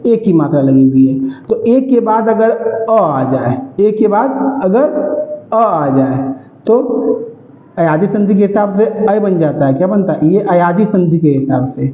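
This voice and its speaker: A man teaching Sanskrit grammar, asking questions and answering them himself. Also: sits high. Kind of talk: classroom grammar lesson. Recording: echoey room, tinny phone-like sound.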